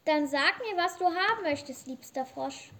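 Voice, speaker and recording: A very high, girlish princess who wheedles and scorns by turns, voiced by a woman. Her fairy-tale radio-play delivery is petulant and spoiled. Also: expressive, moderate pace, a bit bright. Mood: wheedling. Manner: haughty and petulant. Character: spoiled young princess, youngest daughter, haughty.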